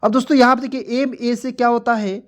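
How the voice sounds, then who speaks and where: A man's voice: very high voice, steady tone, fairly quick. A male teacher giving an online reading lesson, drilling each word with repeated questions and answers.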